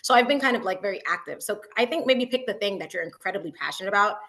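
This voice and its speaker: A woman's voice: medium pitch, lively intonation, racing, a bit bright. A woman who founded a school, a guest in an interview, talking casually and bubbly, with lots of "like" and "you know what I mean", from her school building over a video call.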